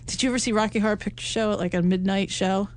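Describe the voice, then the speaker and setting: A woman's voice: mid-range voice, steady tone, fast talker. A middle-aged woman co-hosting a casual podcast chat, talkative, laughing often and restarting sentences. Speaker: podcast co-host. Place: home in upstate New York.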